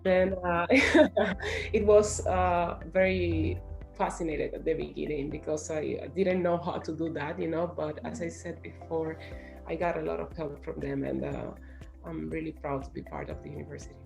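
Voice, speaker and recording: A woman's voice: deep voice, steady tone, moderate pace, creaky, a little mellow, soft background music. A woman student athlete giving an earnest, hesitant testimonial.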